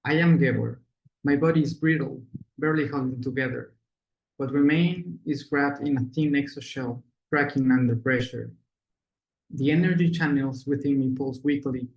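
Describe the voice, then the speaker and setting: A male student presenter and product designer from Ecuador, whose first language is Spanish, delivers a student project presentation that shifts into scripted narration. His voice is medium-pitched and somewhat dark, recorded in an echoey room with the highs cut off.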